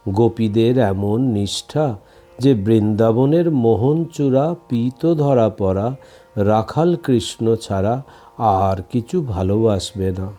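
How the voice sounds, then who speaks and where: A man reading a devotional scripture aloud in a slow, measured recitation. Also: mid-range voice, mellow. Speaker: scripture reader.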